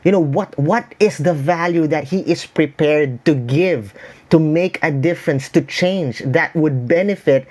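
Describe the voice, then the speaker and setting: A man's voice: fairly high pitch, a little slow, a little mellow. Filipino-accented man explaining in an interview. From Philippines. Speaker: branding consultant.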